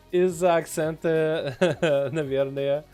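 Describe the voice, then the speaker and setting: Streaming a game, a young Russian man with a slight accent keeps up casual, joking banter with his viewers. His voice is on the high side and a little mellow.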